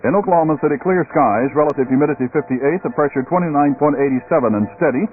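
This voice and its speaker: A man's voice: a little high, fast. An American man doing scripted 1960s radio announcing. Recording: tinny old AM radio. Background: music.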